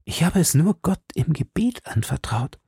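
A man's voice: a little high, big pitch swings, normal speed, darkish tone, slightly rough, dry recording, clean studio sound, voice pushed up, full character voice. A man reading an audiobook, voicing an anxious, imploring queen in raised exclamations. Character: anxious pleading woman, a queen.

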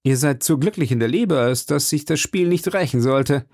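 A man voicing a courteous young cavalier in an audiobook reading, speaking in a calm, reassuring way. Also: on the high side, moderate pace, no room sound, studio quality, pitched above the performer's own voice, lightly acted. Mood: teasing.

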